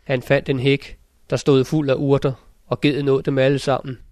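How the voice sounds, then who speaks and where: A man narrating a fairy-tale audiobook in a steady, measured storytelling manner, close to the mic. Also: medium pitch, no room sound. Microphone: close studio mic.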